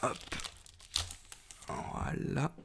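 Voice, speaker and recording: A man giving casual, enthusiastic unboxing commentary as a video host, often hesitating with fillers and exclaiming in wonder. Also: extremely slow. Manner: hesitant, many fillers and restarts. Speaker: YouTuber opening a trading card tin.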